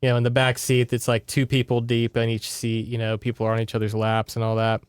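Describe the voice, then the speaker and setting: A man talks through a book's story on his podcast in a casual, conversational way, checking in with his listeners. His medium-pitched voice is monotone, quick and clean, and the dry recording has clean studio sound.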